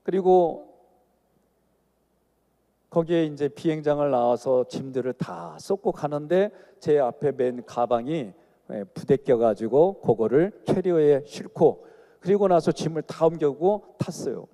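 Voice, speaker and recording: A middle-aged man with a Chungcheong accent preaches in a large sanctuary, his voice high and mellow. His delivery swings up and down as he tells folksy stories and jokes with the congregation. A long church reverb trails every phrase. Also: lively intonation, unhurried. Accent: Chungcheong Korean dialect. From Chungcheong Province, Korea. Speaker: guest pastor. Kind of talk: sermon with personal stories.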